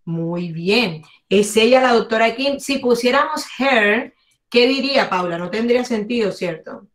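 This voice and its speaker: A woman's voice: fairly high pitch, expressive, a little slow. A woman teaching an online English class, cheering students on and exaggerating English sounds for them to copy.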